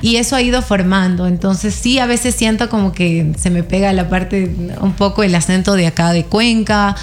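Chatting at normal speed in a medium-pitched voice, an interview guest from Ecuador's El Oro province shows her southern coastal accent. She's casual and expressive, laughing and using fillers a lot, over gentle background music.

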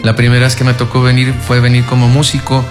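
A man's voice: medium pitch, monotone, quick pace, music in the background. A man with a Mexican accent, a mariachi musician, answering questions courteously as a guest in a radio studio. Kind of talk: radio interview.

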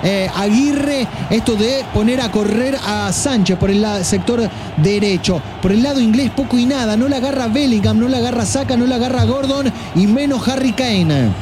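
A man with an Argentine Spanish accent, a co-commentator giving measured tactical analysis during a live football stream. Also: extremely high pitch, background noise.

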